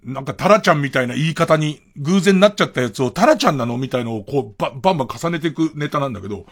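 Husky man, fairly high voice, casual late-night radio talk, rambling and thinking aloud. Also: expressive, racing. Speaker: radio host.

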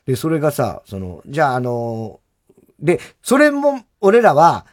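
A man hosting a radio talk show, chatting casually and telling an animated story with stammering restarts and laughs. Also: fairly high pitch, measured pace. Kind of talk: casual chat.

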